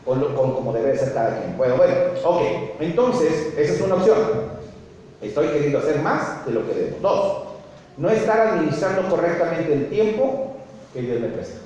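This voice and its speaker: Pastor preaching in an echoey hall. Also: male voice, a little high, normal speed. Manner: animated storytelling, asks the congregation often. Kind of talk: sermon. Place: church hall. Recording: echoey hall, distant mic, faint noise.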